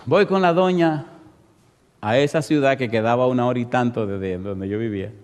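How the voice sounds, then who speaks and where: A man's voice: medium pitch, moderate pace, darkish tone, in a large hall. A male pastor preaching a sermon, telling a story with emphasis and firing rhetorical questions at the congregation.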